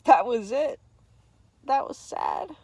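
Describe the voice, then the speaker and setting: A woman's voice: a little high, huge pitch swings, takes it slowly, creaky, darkish tone, no echo. A young woman vlogger telling a candid, self-deprecating story to camera, laughing often.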